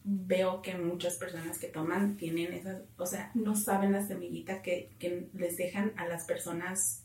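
A woman hosting a relaxed podcast conversation. She asks questions and keeps the talk going with short replies. She sounds a little away from the mic in a room with echo. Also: lowish voice, normal speed, distant mic. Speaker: podcast host. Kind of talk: casual interview chat.

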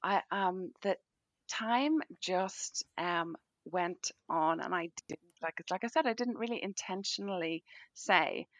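A middle-aged woman with a west of Ireland Donegal accent, chatting casually as an interview guest and often pausing to think aloud. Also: on the low side, a bit bright. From Donegal, northwest Ireland. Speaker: podcast guest.

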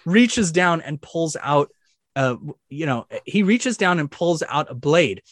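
Man narrating as dungeon master, slightly high, dry sound. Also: measured pace, dry recording. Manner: vivid, excited storytelling with sound effects. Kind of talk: narrating a tabletop game.

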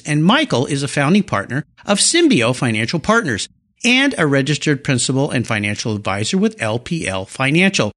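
A man from California hosts a casual car-enthusiast interview, eager and playful with his puns. His voice is on the higher side for a man and leaps around with lively pitch. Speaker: podcast host.

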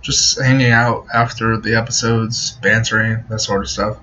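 Man on a muffled, low-quality laptop mic. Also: flat delivery, normal speed, pushed and bright, a little hiss or hum. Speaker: podcast host. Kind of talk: casual off-the-cuff spoken intro. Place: at work. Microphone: built-in laptop microphone.

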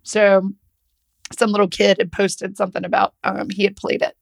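Woman co-host, casual and profane, reads notes with a laugh, mid-pitched voice. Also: flat delivery, normal speed, creaky. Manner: swears freely, reads notes aloud with a laugh. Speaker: podcast co-host. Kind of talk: casual chat.

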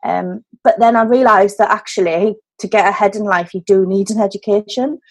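Husky woman with a Welsh Valleys accent. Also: medium pitch, a little fast. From Wales, the valleys. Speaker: podcast guest, business owner. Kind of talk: conversational interview storytelling.

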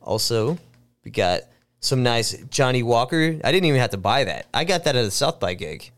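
A man's voice: mid-range voice, very animated, moderate pace, fairly bright tone. A man in his thirties hosting a podcast, chatting in a rambling way and laughing often. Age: 30s. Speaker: podcast host. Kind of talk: casual chat.

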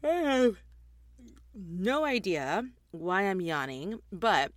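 A woman's voice: mid-range voice, very animated, slow pace, dry recording, clean studio sound. A woman in her forties hosting a podcast, chatting casually and rambling with frequent ums, recorded inside a closet on a desktop microphone. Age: 40s. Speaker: podcast host. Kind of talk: casual chat. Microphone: desktop USB microphone.

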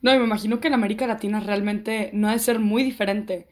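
A woman's voice: mid-range voice, fairly even intonation, quick pace. A woman hosting an interview, asking friendly, conversational questions. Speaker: interview host.

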